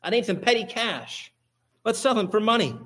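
A man's voice: high voice, lively intonation, moderate pace, pushed and bright. A man voicing a cold-hearted, scheming brother in a blunt, callous tone.

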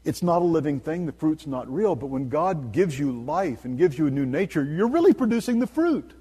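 A man delivers an earnest sermon, pressing his points and reading verses aloud. His voice sits a little high for a man and has a husky edge. A long reverb trails behind him, as if he is preaching in a large hall. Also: moderate pace, warm tone. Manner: earnest, emphatic, quotes scripture.

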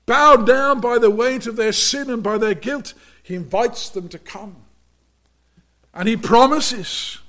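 High-voiced, slow, earnest male preacher. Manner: earnest, emphatic preaching with sudden hushed drops. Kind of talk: sermon.

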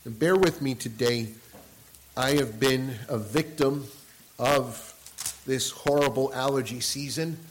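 Man, pastor, nasal and stuffed-up voice, earnest measured sermon, mid-pitched. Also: slight background noise, low-quality recording. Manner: earnest, measured preaching with soft prayerful passages. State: congested, nasal from allergies. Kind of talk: sermon with scripture reading and prayer.

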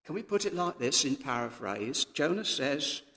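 A man's voice: on the high side, sing-song, moderate pace, pushed and bright. A man preaching a sermon, earnest and emphatic, his voice rising and falling with many restarts. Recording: echoey hall.

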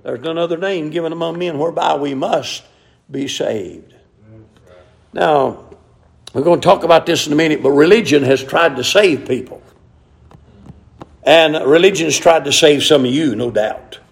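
A middle-aged man preaching a sermon, telling folksy stories and rising to shouted emphasis. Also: on the high side, moderate pace, gravelly, long pauses.

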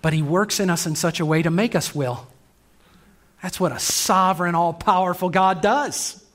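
A man preaching a sermon as pastor in a church, earnest, moving between brisk passages and slow, emphatic lines. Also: high-pitched, a bit bright.

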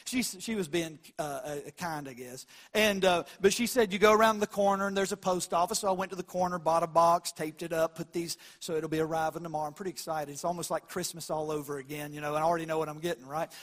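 A male pastor from the American South speaks in a high-set voice with a Southern drawl. He preaches in a folksy storytelling way, using down-home grammar and acting out small exchanges as he goes. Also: fairly even intonation, quick pace, few pauses, fairly bright tone.

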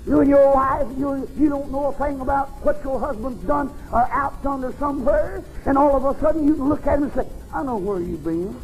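Older preacher, high and folksy. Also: male voice, steady tone, fairly quick, few pauses, soft background music, poor audio. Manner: folksy storytelling preacher, swinging loud and soft. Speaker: pastor. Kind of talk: sermon.

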